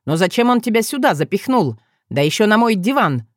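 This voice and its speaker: A woman voicing a haughty, grumpy male frog shapeshifter with a creaky, squawking voice and an indignant, scornful manner. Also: lowish voice, very animated, measured pace, no room sound, clean studio sound.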